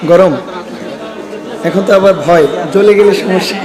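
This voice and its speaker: A man's voice: high voice, a little slow. A man from Sylhet, Bangladesh preaching a sermon to a large gathering. He rouses the crowd, calls for their responses and jokes with them, and his throat sounds strained. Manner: jokes with the audience. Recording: long hall reverb.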